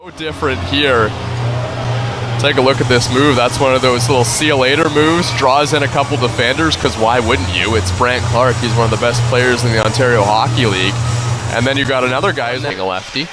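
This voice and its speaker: A man's voice: mid-range voice, steady tone, brisk, background noise. A man giving conversational color commentary on hockey replays.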